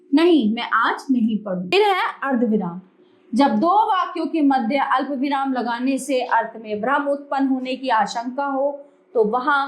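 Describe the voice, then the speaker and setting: Female teacher, high voice, patient explainer of grammar for young kids. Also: poor audio. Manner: addresses children warmly, explains slowly with examples. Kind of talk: grammar lesson for children.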